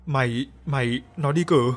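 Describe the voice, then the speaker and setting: A man's voice: medium pitch, moderate pace, faint music behind, close to an everyday voice. A man voicing a distraught young male mine worker who stammers and cries out in grief. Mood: grieving.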